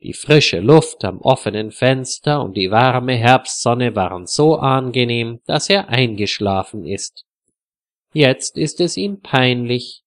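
A male narrator reads a simple story at a slow, measured pace, every word clear for learners. His voice sits in an ordinary middle range. The sound is dry and close to the mic. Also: medium pitch, expressive, no echo.

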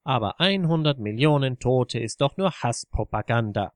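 An indignant man quick to flare up argues with scorn at a pub table. A man voices him while reading the story aloud. The recording is dry. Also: mid-range voice, lively intonation, dry recording, lightly acted. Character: indignant left-wing man, quick to anger.

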